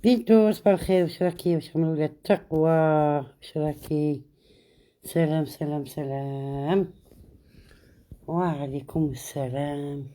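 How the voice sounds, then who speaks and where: Low mellow-voiced woman chatting live. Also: steady tone, fast talker. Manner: switches between French and Arabic, greets viewers by name. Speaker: live stream host. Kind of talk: casual live chat with viewers.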